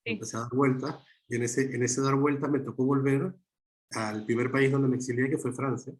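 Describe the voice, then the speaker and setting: Reflective man, halting speech. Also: medium pitch, steady tone. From Chile. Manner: halting, many restarts and fillers. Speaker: guest filmmaker. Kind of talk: reflective interview talk.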